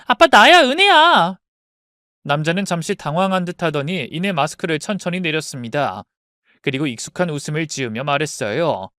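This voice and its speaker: A woman calmly narrating her own true family story as a scripted read. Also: sits low, fairly quick, no room sound, clean studio sound.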